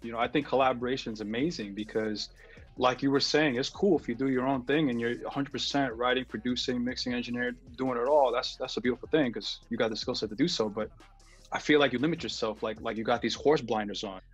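A man's voice: mid-range voice, steady tone, fast, slightly rough, muffled recording. A man, a music producer chatting loosely on a video call, rambling with lots of fillers and slang. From New York. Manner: laid-back, rambling, slangy, with many fillers. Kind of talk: casual interview on a video call.

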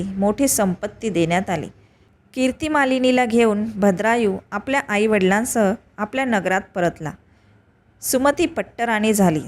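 A woman telling a devotional tale as scripted narration, reading evenly in short, measured phrases. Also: fairly high pitch. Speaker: storyteller.

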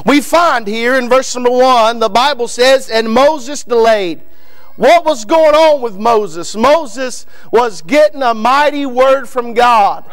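A guest preacher in his thirties with a Northern Kentucky accent delivers a fiery Baptist sermon from the pulpit of a church sanctuary, speaking into the pulpit microphone. His very high voice moves at a slow pace, building to shouts, repeating lines, and calling out men in the pews by name.

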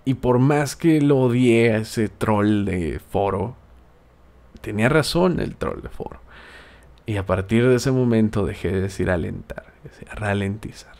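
A man's voice: lowish voice, lively intonation, measured pace, gravelly, a little mellow. A man from Tijuana with a Mexican accent, hosting a casual podcast and giving friendly, rambling advice with frequent hesitations. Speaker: podcast host and video maker.

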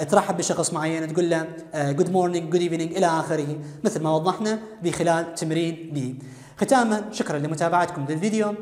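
A man's voice: on the high side, a little mellow. A man with an Iraqi Arabic accent teaching an English lesson on video, explaining step by step and quizzing students aloud. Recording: echoey room with long reverb.

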